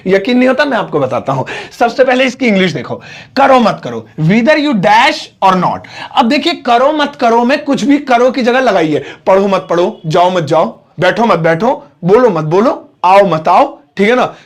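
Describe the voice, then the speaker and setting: A young man with a high voice teaches spoken English. He explains each phrase patiently and stretches English words out slowly as he writes them.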